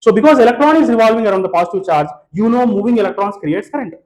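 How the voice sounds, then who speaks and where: A man's voice: high voice, expressive, slow, darkish tone, low-quality recording. A man with a Telugu accent teaching physics to a class, switching between English and Telugu, with frequent fillers and restarts. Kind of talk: classroom lecture. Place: classroom with students present.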